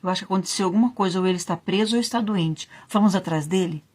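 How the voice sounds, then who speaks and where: Eager young man as a woman storyteller voices him, quick, urgent, husky. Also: fairly low pitch, a little mellow, close to an everyday voice.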